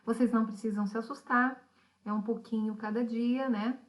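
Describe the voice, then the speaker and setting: Patient schoolteacher, higher voice. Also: female voice, fairly even intonation, normal speed. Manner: patient, explanatory, asks pupils questions. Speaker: teacher. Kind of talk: recorded remote lesson.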